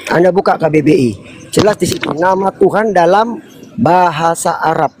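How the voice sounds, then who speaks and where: Polite but firm guy chiming in, slightly high voice. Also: normal speed, background noise. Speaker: debate participant.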